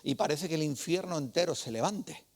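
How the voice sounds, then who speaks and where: A man's voice: fairly high pitch, lively intonation, fairly quick, a little mellow. A man preaching a sermon, telling stories in a conversational way and asking the congregation rhetorical questions.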